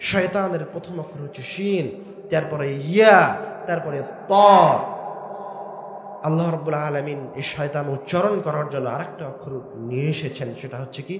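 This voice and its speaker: High-voiced preacher shouting through echo. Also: male voice, noisy background. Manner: swings between shouted emphasis and low drawn-out words; asks the crowd rhetorical questions. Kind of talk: waz sermon. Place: large outdoor religious gathering.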